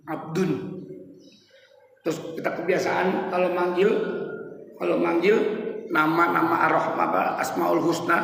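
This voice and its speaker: Male preacher, high gravelly voice, echoey hall with long reverb, talks to the congregation like a chat. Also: fairly bright tone. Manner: conversational, addresses congregation directly, repeats key words. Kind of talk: dawn religious study sermon.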